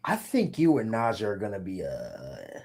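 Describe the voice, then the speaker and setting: A man's voice: lowish voice, huge pitch swings, normal speed, creaky, darkish tone, husky. A man speaking casually as a guest on a wrestling podcast. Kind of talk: casual chat.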